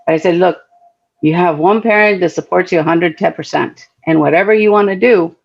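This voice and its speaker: Gravelly middle-aged woman from Guatemala. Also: fairly low pitch, a little fast, muffled recording. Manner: earnest, heartfelt, conversational, with frequent fillers. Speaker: panelist at a live talk event. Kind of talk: personal storytelling talk.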